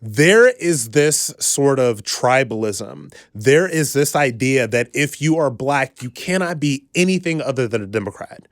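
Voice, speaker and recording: A man's voice: medium pitch, lively intonation, unhurried, hardly any pauses, no room sound. Guy doing a fired-up political rant to camera, lots of repeating for emphasis, super dry close sound. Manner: emphatic, repetitive rhetorical delivery. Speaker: political commentator. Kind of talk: direct-to-camera political monologue.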